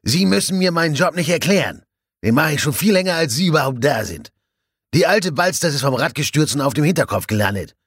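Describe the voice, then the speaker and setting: A man's voice: fairly high pitch, very animated, brisk, creaky, a bit bright, no room sound, studio quality, voice pushed up, exaggerated voice. A man voicing a dismissive middle-aged male coroner who talks down to others. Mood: irritated. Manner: curt, condescending.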